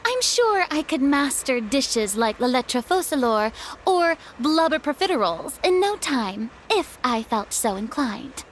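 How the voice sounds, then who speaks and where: An actress voicing a haughty, dramatic retired stage diva in a video game, with theatrical, formal delivery. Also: female voice, high voice, very animated, measured pace, a little hiss or hum. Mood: indignant. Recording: background music under clean studio dialogue.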